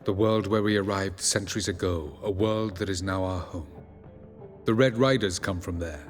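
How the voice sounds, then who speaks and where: An actor playing a cool, condescending elven sage. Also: male voice, sits low, lightly acted. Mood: cool formal. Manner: measured, formal, faintly sardonic. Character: aloof ancient elven sage, dry and condescending. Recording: game audio with music behind.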